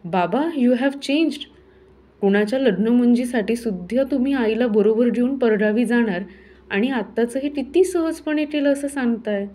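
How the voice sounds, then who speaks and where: A woman voicing a blunt young adult son in a storybook reading, speaking in a slow, drawn-out teasing way. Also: on the high side, dark tone, close to an everyday voice.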